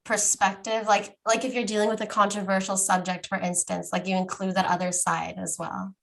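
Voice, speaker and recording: A woman's voice: medium pitch, little pitch movement, a little fast, gravelly. Encouraging woman interviewer. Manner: encouraging, many short backchannels. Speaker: interviewer host. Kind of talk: casual interview.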